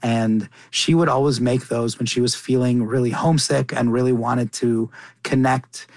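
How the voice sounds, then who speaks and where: Earnest and often circling back to start over, with repeated words, a young man from Qatar who writes cookbooks and cooks professionally is interviewed on radio. He talks at a normal speed in a steady, medium-pitched voice with no echo.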